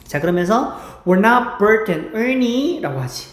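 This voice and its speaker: A woman host giving a casual spoken language lesson, repeating English phrases slowly over and over with many fillers. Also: medium pitch, big pitch swings, very noisy. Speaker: English teacher and channel host. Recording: roomy echo.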